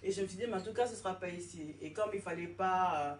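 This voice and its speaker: A woman in her forties from France, telling her own story in a casual interview, animated and acting out the voices she quotes. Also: on the low side, fast, a crowd in the background. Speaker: interview guest, fashion designer. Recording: roomy echo, distant mic, faint noise.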